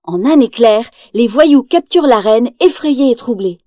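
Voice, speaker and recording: Storybook narrator, woman, lively read, warm mellow timbre. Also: a little high, normal speed, dry recording, clean studio sound. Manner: lively, acts out quotes in raised voice.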